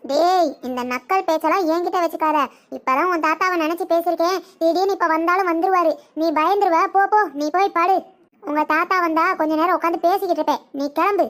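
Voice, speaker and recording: A very high, shrill cartoon grandmother, voiced by a woman. She boasts and scolds in a loud, bossy manner. When frightened, she shrieks. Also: fairly even intonation, quick pace. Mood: boastful. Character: bossy boastful old grandmother, sharp-tongued. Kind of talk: cartoon voice acting.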